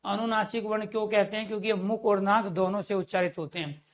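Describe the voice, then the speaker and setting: A man's voice: high voice, steady tone, quick pace. Male grammar teacher, online class. Question-and-answer delivery, friendly direct address to students. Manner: asks the class questions and answers them himself; addresses viewers as dear friends.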